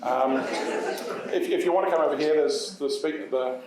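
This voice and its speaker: A New man hosting an event as MC, talking in a halting way full of uhs and restarts. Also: on the high side, a crowd in the background. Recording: echoey hall from far off.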